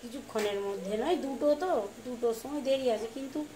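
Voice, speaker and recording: A middle-aged woman from Bengal chatting in a rambling way while she bakes in her home kitchen, sometimes speaking softly. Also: fairly high pitch, brisk. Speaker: home cooking vlogger. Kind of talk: casual chat while baking. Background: fan hum and rain outside.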